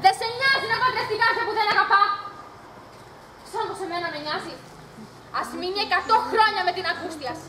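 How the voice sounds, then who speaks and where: A woman's voice: extremely high pitch, long pauses, background noise. A woman on stage playing a defiant, passionate youngest sister, declaiming fiercely, recorded live and echoey. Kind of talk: amateur stage acting.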